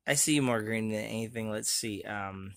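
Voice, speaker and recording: A man's voice: fairly low pitch, normal speed, gravelly, a bit bright, dry recording. A man chiming in casually beside a vlogger, joking and laughing often. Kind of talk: casual chat.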